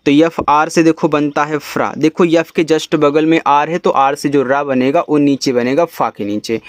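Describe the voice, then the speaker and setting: A man from India teaching English reading, spelling each word letter by letter and then sounding it out slowly. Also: a little high, dry recording. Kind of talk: step-by-step spelling lesson.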